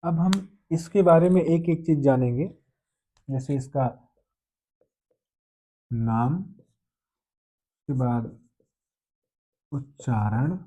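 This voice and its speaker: A man's voice: medium pitch, very slow, pauses often, warm tone. A man teaching a grammar lesson step by step, asking questions and answering them himself. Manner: explains step by step, asks and answers own questions. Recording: dull lo-fi sound.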